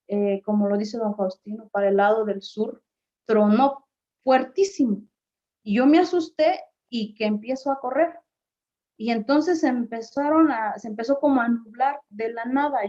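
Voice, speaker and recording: Mellow-voiced woman recalling a memory. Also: on the high side. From Mexico. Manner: unhurried, halting, with frequent filler pauses and reported dialogue. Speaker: community speaker. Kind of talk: personal storytelling at a presentation. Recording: slightly dull lo-fi recording.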